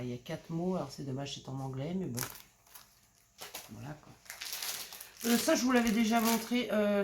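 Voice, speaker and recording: Middle-aged woman, lowish voice, hesitant chatty haul vlogger; loud wrapper crinkling behind. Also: background noise. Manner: hesitant, full of "euh" and repeated words while showing items. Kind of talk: casual show-and-tell haul chat. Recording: clear crinkling of packaging and clicks.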